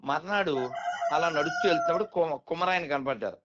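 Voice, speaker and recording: Man, lecturing, rhetorical questions, somewhat high pitch, muffled lo-fi sound. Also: animated, fairly quick, heavy background noise. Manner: lecturing, rhetorical questions, addresses listener as "naanna". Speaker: spiritual speaker. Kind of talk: explaining conversation. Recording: dull lo-fi recording.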